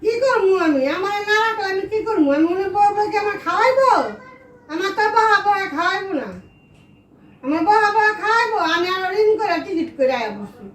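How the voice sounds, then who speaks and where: A woman's voice: extremely high pitch, fairly quick, a bit bright. A woman playing an ailing older mother home from abroad, pleading in rustic speech. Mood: sorrowful. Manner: plaintive, rustic dialect speech. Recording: echoey room, far from mic, faint noise.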